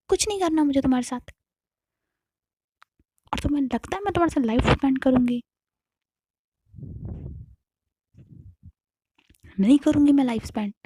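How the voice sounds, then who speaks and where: Woman doing a hurt young lover, betrayed, husky voice, half-whispered, speech breaking off, storybook telling. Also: a little high, dark tone.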